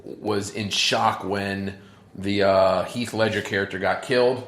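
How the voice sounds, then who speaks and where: A man in his thirties co-hosting a casual podcast chat, bantering in an animated, self-mocking way. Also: fairly low pitch, unhurried, roomy sound. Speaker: podcast co-host.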